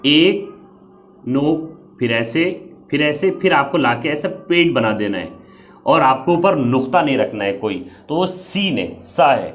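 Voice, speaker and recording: A man's voice: on the high side, expressive. A young man teaching the Arabic alphabet in Urdu, patiently explaining each letter and repeating its sound.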